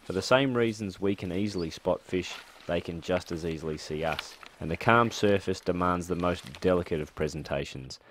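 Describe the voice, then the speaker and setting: A man reading scripted documentary narration in a calm, measured, explanatory way. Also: low-pitched. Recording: voice-over with loud background music.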